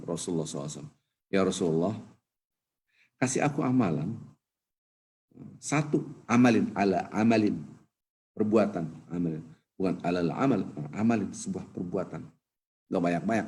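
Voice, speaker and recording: A man with an Indonesian accent giving a conversational Ramadan sermon in a mosque, telling stories with animated quoted voices. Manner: animated storytelling, acts out quoted voices, jumps up in pitch for emphasis. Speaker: ustadz giving a Ramadan lecture.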